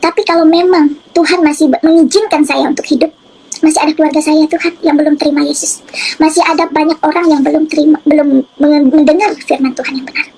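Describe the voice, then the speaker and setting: A woman telling her personal faith testimony in an earnest, halting way, with many fillers and restarts. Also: sits high, steady tone, a little mellow, a little hiss or hum, poor audio. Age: adult. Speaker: testimony giver.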